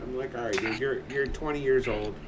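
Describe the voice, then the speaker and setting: A man's voice: mid-range voice, steady tone, a little fast. A man in his forties, a livestream host, chatting casually in a blunt, swearing manner. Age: 40s. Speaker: streamer. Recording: distant mic with background noise.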